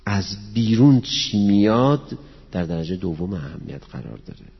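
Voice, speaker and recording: In a dull, echoey hall recording, a man preaches to an assembled audience in a low, sing-song voice with some roughness. His religious lecture mixes Arabic scripture and Persian poetry, explained in plain terms, and he leads everyone in prayer.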